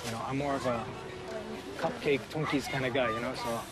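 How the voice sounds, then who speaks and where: An American-born man answering a street interviewer in a relaxed, joking way. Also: mid-range voice, a little fast. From United States. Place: outdoors on a city street.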